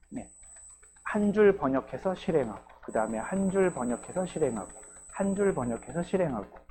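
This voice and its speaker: A man with a slightly raised pitch teaches a programming class at an easy, patient pace. He walks through each step and keeps checking in with his listeners. Faint keyboard typing can be heard behind him. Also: warm tone, poor audio. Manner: patient, explains step by step with frequent "ye" and "geujyo" check-ins. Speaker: university lecturer. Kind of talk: recorded programming lecture.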